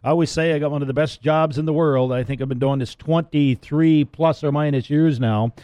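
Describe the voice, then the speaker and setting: A man's voice: a little high, fairly even intonation, a little fast, mellow, no room sound. A middle-aged man hosting a radio talk show, talking casually and rambling with frequent restarts and repeated words. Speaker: radio show host and land auctioneer.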